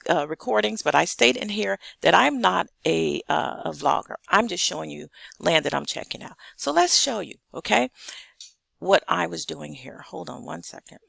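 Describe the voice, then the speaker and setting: American woman, heavily creaky, emphatic vlogger. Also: fairly low pitch, very animated, normal speed, a bit bright, dry recording. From South Carolina, United States. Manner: emphatic, blunt, repeats key points. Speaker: vlogger addressing an online audience. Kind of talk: direct-to-viewer vlog commentary.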